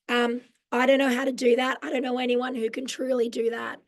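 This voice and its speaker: A woman in her forties with an Australian accent talks through mindfulness at a live online workshop, heard over a video call. She's a mental health social worker who has lost her voice, so she sounds hoarse and croaky, but she stays friendly and explanatory, saying "um" a lot. Her pitch is on the high side, her tone level, and her pace a little fast.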